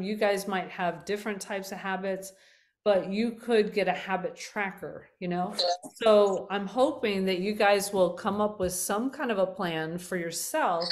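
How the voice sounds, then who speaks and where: Chatty woman giving a health talk. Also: mid-range voice. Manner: chatty, with many fillers and self-corrections. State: slightly losing her voice. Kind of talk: casual health talk to viewers.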